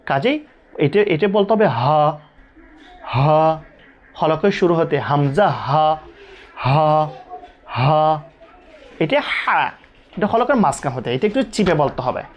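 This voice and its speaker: A man teaching Quran recitation, drilling letter sounds slowly and repeating each one many times. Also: on the high side, very animated.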